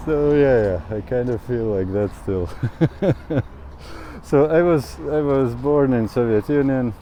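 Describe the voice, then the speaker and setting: A man in his thirties from Latvia, speaking in a slow, thoughtful personal monologue and laughing often as he talks. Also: mid-range voice, mellow, slight background noise, low-quality recording. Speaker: travel vlogger. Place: outdoors in a town.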